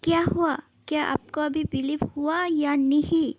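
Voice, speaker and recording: A woman's voice: sits high, steady tone, unhurried. A woman playing a playful, teasing young wife in a fan audio drama, who taunts and sweetly coaxes. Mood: coaxing.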